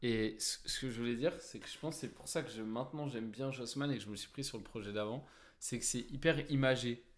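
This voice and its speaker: A man's voice: medium pitch, fast. A man co-hosting a casual music reaction chat, laid-back and hesitant, often restarting his sentences. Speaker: reaction show co-host.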